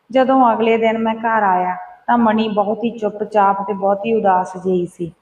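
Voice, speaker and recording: A woman's voice: medium pitch, a little mellow, dull audio. Brief: woman storyteller, plain read-aloud delivery, sounding far off the mic with room echo. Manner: reads the story aloud, voices quotes in the same plain voice. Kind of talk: first-person story narration with quoted dialogue. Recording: roomy echo, voice from a distance.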